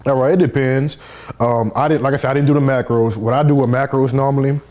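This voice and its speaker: A man's voice: mid-range voice, steady tone, quick pace, a little mellow. A man, a fitness coach, explaining things step by step in casual chat.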